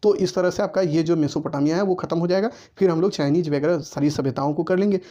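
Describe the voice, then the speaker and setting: A man's voice: fairly high pitch, fast talker, warm tone, muffled recording. A man teaching a history lesson for exams, speaking directly to students and checking in again and again with "okay". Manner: repetitive, keeps checking with "ठीक है"; addresses students directly, giving writing instructions. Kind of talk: exam-focused lecture to students.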